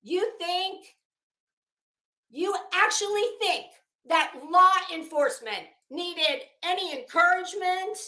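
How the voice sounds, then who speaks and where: A very high-pitched woman with a bright, forceful tone talks slowly to her livestream viewers about a legal case. The delivery is casual and sarcastic, theatrical, exasperated and mocking, and the room echoes.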